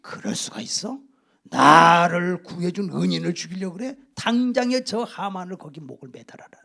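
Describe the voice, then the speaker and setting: A man voicing an angry ancient king in a sermon retelling, shouting indignantly. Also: high-pitched, normal speed, vocal fry, full character voice. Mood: outraged. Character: angry ancient king, male adult, hot-tempered.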